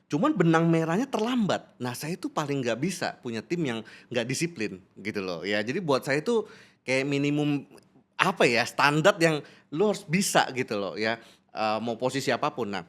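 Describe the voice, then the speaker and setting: Animated man coaching on a podcast. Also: medium pitch, moderate pace. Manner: explanatory, laughs often, acts out interview exchanges. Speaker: business coach. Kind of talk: podcast conversation.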